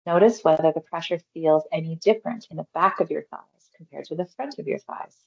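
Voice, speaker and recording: A woman with a low, creaky voice guides a mindfulness exercise, leading a body scan in a guided meditation. She sounds gentle and reassuring, with unhurried phrasing, and the recording is slightly muffled.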